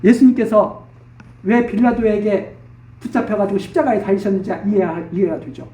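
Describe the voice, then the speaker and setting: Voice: medium pitch, a little fast, dark tone, far from the mic. Preacher, expository Bible sermon, casual plain explanation, repeated phrases.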